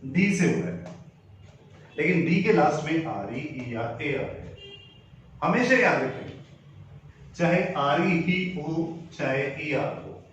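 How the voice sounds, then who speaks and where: A male teacher walks through grammar step by step, spelling words out letter by letter. His voice sits a little high, heard from a distance in a very echoey room with a faint hum of ambience behind. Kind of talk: classroom-style grammar lesson. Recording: very echoey room, voice from far off the mic.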